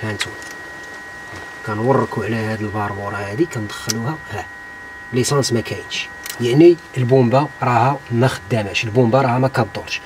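Fast-talking Moroccan man explaining car repairs. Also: medium pitch, background noise. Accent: Moroccan Arabic. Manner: explains step by step while working on the car. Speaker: car repair tutorial host. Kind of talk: hands-on repair demonstration.

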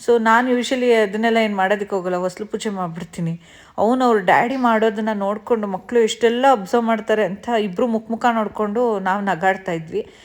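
A woman's voice: medium pitch, brisk. A young adult woman and mother narrating a casual family vlog in a chatty way, dropping English words into her talk.

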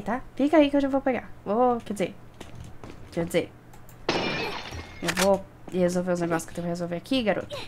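A young adult woman with a Brazilian accent streams a video game, giving casual, playful, chatty let's-play commentary. Her voice is on the high side, with background noise and the game's sound clearly audible behind her.

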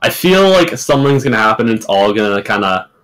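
Low-voiced man, volume jumping around. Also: sing-song, fast, a bit bright. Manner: hesitant, searching for words. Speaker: tabletop game player. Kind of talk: casual play over voice chat.

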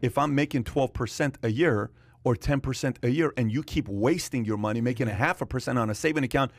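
A man in his forties hosts a studio podcast, pressing each point by saying it again and again. His voice sits in a middle pitch. The sound is dry and close, with no room echo. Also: a little fast. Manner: emphatic, repeats phrases, talks with his hands. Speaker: podcast host. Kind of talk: animated casual discussion. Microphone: studio mic on boom arm, wearing headphones.

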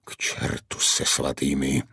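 A man doing a sardonic gentleman companion. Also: mid-range voice, big pitch swings, no echo, pitched above the performer's own voice. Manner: dry asides, muttered. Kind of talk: audiobook character voice.

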